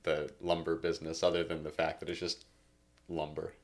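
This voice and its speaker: A man's voice: a bass voice, completely flat delivery, brisk, darkish tone. A young man co-hosting a casual podcast chat, laughing often and talking playfully. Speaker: podcast co-host.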